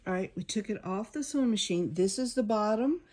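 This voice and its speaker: A sewing instructor talks briskly in an animated, mid-range voice with a darkish tone, describing each step of a hands-on tutorial as she goes. Behind her are the noise and clicks of a sewing machine.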